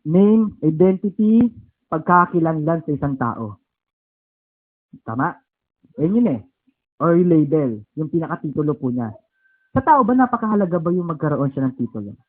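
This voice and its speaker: A Filipino preacher leads a Bible lesson at a home service. He has a high voice, spells words out slowly and keeps checking in with his listeners. The sound is thin and tinny, like it comes over a phone line. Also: expressive. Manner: keeps asking "okay?" and "di ba?".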